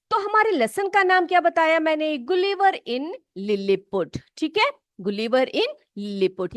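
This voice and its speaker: A woman teacher from North India, explaining English words and spelling them out slowly, often checking whether the pupils follow. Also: fairly high pitch, a bit bright, no room sound, studio quality. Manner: slow, drawn-out spelling and frequent check-ins with pupils. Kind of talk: classroom English vocabulary lesson.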